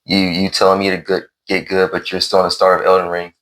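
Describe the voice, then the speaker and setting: A man's voice: sits low, monotone, quick pace, a bit bright. A man hosting a casual gaming conversation, asking questions and teasing his friend in a laid-back way. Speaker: podcast host.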